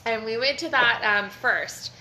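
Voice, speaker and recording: A woman co-hosting a casual chat, animated and swearing freely as she tells stories. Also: fairly high pitch, a little slow, roomy sound, slight background noise.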